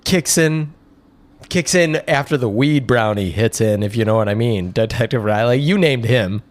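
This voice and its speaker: A man's voice: medium pitch, normal speed. A man co-hosting an improvised comedy podcast, joking and punning in playful banter. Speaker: podcast co-host.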